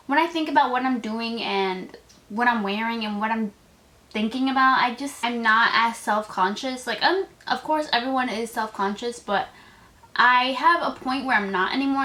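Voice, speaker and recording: An eighteen-year-old woman vlogs to camera for a casual tag video, gushing and peppering her speech with "like." Her voice is a little high with a sharp tone.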